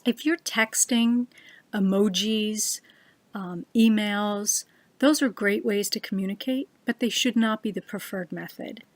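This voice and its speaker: A woman giving an earnest personal talk to a webcam, slowing down to stress her key words. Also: mid-range voice, no echo. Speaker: speaker giving a short talk. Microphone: webcam on a computer.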